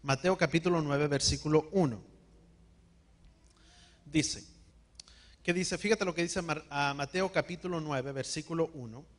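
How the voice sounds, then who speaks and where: A man preaching a sermon, calling on the congregation to repeat words after him and slowing down to stress key words. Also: a little high. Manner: call-and-response, has the congregation repeat words. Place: church hall.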